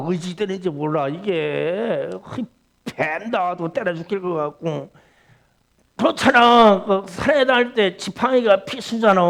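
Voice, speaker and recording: High gravelly pastor guy, slow and fiery, yells then drops way down. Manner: fervent, shouting preacher, swings from hushed to yelling. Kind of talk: Friday prayer meeting sermon.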